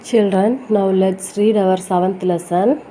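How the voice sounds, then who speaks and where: A woman teacher giving a recorded lesson to children, explaining slowly, asking questions and answering them, and spelling words out letter by letter. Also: mid-range voice, steady tone, dark tone, slight background noise, rough recording. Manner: addresses children directly, asks questions and answers them herself. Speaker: school teacher.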